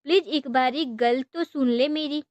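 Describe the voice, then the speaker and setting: A woman's voice: sits high, a little slow, a little mellow, no room sound, muffled recording. A woman voicing a young, gushing best friend, pleading through tears in a storybook. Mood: tearful pleading. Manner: emotional, pleading, mixes Punjabi and English words.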